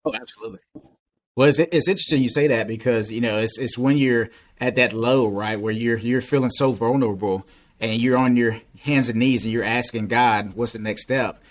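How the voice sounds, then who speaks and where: A man in his forties, from the Bahamas and raised in Florida, co-hosting a podcast and talking in a measured, reflective way. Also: medium pitch. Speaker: podcast co-host. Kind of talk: casual podcast conversation.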